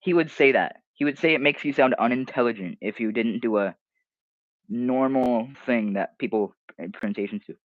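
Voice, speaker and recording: A man's voice: medium pitch, moderate pace, no echo, dull audio. Young man rambling through a mocking livestream. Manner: rambling, mocking, restarts mid-sentence. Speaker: streamer. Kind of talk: casual livestream commentary reading comments.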